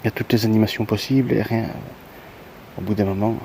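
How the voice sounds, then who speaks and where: A man's voice: on the low side, little pitch movement, quick pace, dark tone, a little hiss or hum, poor audio. A man talking casually outdoors by the water after a fishing trip, rambling with many hesitations and a resigned tone. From Belgium. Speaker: fishing vlogger.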